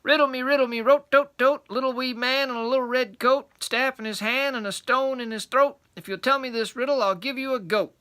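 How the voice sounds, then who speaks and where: A man's voice: very high-pitched, steady tone, fairly quick, hardly any pauses, pushed and bright, clear, resonant tone, pitched above the performer's own voice. A man voicing an impudent little male squirrel from a storybook, singing teasing riddles in singsong rhyme. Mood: cheeky, teasing. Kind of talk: storybook character voice.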